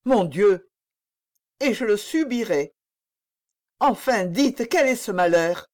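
A woman's voice: mid-range voice, expressive, slow pace, darkish tone, pitched above the performer's own voice. A woman reading the part of a young king, lovesick and pleading, in an impassioned, exclaiming manner for an audiobook.

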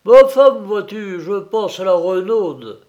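A slow-thinking middle-aged peasant farmer voiced by a male reader, blunt and rustic. He speaks out loudly in a raised, lifted voice. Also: high-pitched, animated, highs cut off, voice pushed up.

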